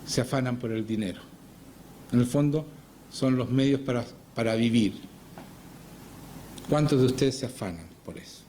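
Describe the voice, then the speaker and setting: A man's voice: mid-range voice, normal speed, pauses often, mellow, slight background noise. A man preaching a Sunday sermon in church, often putting rhetorical questions to his congregation. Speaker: pastor. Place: church service.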